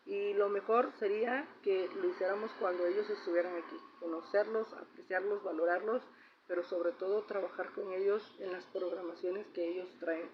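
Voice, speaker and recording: With a mid-range voice, fairly even intonation and a normal speed, a middle-aged woman with a Mexican accent narrates a family story for her casual vlog. She's chatty and often finishes phrases with a questioning "¿no?"; the recording is slightly dull, with faint noise.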